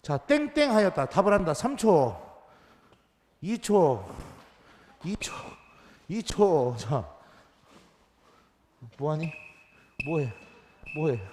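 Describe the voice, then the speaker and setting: Playful high-voiced priest in a hall. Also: male voice, sing-song, drawn-out words, long pauses, darkish tone. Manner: playful, counts down and teases the children. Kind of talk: children's mass homily with a quiz game. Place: church. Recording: reverberant church hall.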